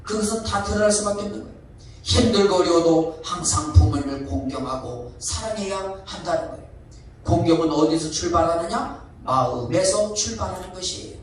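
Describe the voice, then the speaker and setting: High-voiced male pastor, echoey hall. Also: fairly quick, distant mic, slight background noise. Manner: asks the congregation questions, emphatic. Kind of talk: sermon.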